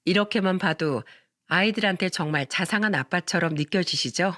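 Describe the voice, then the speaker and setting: A woman's voice: lowish voice, normal speed, fairly bright tone, no echo, studio quality. A woman telling a story in the first person in scripted narration, confiding and asking the listener questions.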